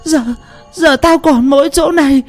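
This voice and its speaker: A man's voice: extremely high pitch, steady tone, unhurried, soft background music, pitched above the performer's own voice. A man voicing an old mother who shrieks and scolds her grown son in a told ghost story. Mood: shrill scolding. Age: older.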